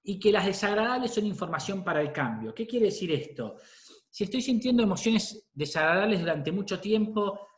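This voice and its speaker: A middle-aged Argentine man with a Rioplatense Spanish accent, a psychologist, gives parents an informal, conversational talk, often checking in with a questioning "¿sí?". His voice sits high with big pitch swings, moves a little fast, and sounds reverberant.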